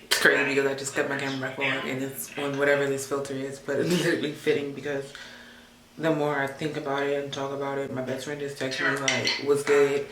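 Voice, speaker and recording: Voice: medium pitch, monotone, quick pace. Upset, tearful-sounding vlogger in a roomy space. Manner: emotional and upset, stressed, close to tears. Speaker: hair vlogger and loctician. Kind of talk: candid, confessional vlog talk. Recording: roomy echo, faint background noise.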